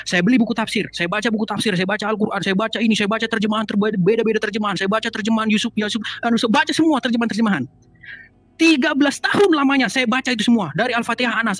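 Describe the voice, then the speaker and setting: A man argues at a quick clip, pressing and exasperated as he lectures his opponent. His voice is dry and close, with faint music under it. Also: very high-pitched, fairly bright tone, no echo. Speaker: debater. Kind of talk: heated online debate.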